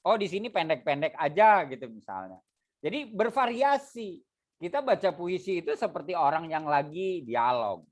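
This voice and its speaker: Lively male teacher coaching poetry reading. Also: a little high, normal speed. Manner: animated, demonstrates vowel sounds and drills students; casual, explanatory, uses fillers like "gitu ya".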